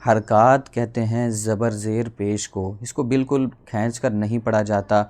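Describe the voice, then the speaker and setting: A man teaching a Quran reading lesson, explaining rules quickly, then spelling out letters and drawing syllables out slowly. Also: fairly low pitch, flat delivery, darkish tone. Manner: fast explanations, then slow drawn-out syllables.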